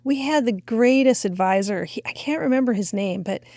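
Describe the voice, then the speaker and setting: A middle-aged woman from Washington State who runs a community radio station, chatting in a podcast interview and telling lively stories. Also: a little high, moderate pace, dry recording. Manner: chatty storyteller, acts out quoted voices. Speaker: radio station executive director.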